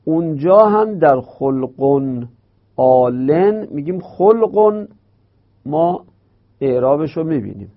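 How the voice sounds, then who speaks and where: A man's voice: fairly high pitch, very animated. A man teaching Arabic grammar, explaining step by step and repeating and drawing out terms. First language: Persian. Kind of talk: explanatory lesson. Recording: dull lo-fi recording.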